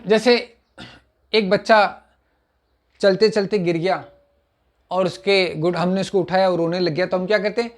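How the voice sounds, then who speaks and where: A middle-aged man teaching spoken English online, repeating example sentences slowly and clearing his throat now and then. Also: high-pitched, steady tone.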